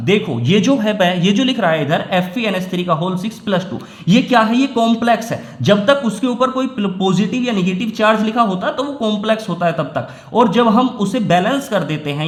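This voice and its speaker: Male chemistry tutor, high voice, patient self-questioning lecture style, roomy echo. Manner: explains step by step, often asks and answers his own questions. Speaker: chemistry teacher. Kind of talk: classroom lecture.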